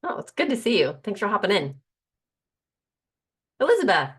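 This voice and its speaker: A woman hosting a casual group video call, chatty and quick to introduce and connect people. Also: mid-range voice, huge pitch swings, a bit bright, slightly rough. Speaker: host.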